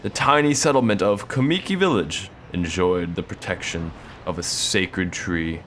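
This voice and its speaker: A man's voice: low-pitched, moderate pace, a bit bright, slight background noise. A young man reading a video game's story aloud, with casual joking asides. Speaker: let's play narrator. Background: faint game music.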